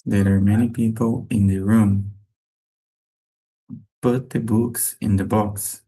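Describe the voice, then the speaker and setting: A man teaching English to beginners. He reads each short sentence twice, slowly and clearly. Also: on the low side, fairly even intonation, warm tone, rough recording. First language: Portuguese. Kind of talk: slow repetition drill for beginners.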